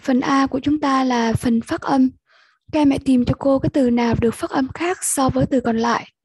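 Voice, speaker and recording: A young woman with a Vietnamese accent walks pupils through an English test at an unhurried pace. Her voice sits high but sounds soft and mellow. It is very husky and breathy, and the recording is close and dry. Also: steady tone, no room sound. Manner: slow, patient, repeats sounds for pupils. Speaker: English teacher. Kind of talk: online lesson walkthrough.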